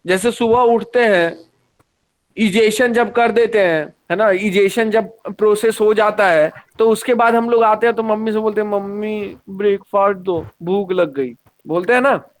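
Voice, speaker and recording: A man leads an online science lesson in a fairly high voice. He talks in a lively way and keeps asking the students questions. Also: normal speed. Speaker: teacher.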